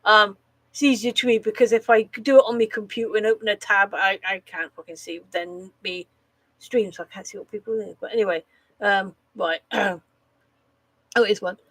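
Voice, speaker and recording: In a dry, low-quality recording, a woman with a mid-range, fairly bright and slightly rough voice speaks at a moderate pace in a steady tone. She's casually live-streaming, slightly nasal from a cold, giggling at her own corny jokes, groaning at bad puns and swearing casually.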